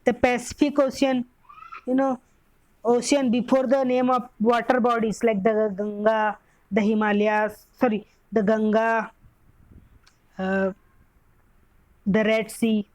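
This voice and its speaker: A young woman teacher with an Indian English accent, giving a grammar lesson slowly, often repeating and correcting herself. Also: fairly high pitch, flat delivery, darkish tone, no room sound, rough recording.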